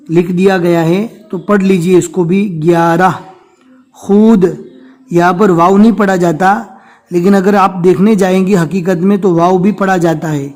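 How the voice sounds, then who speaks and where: A man teaching Urdu reading step by step, patiently explaining each word and repeating it slowly. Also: high voice, a little mellow.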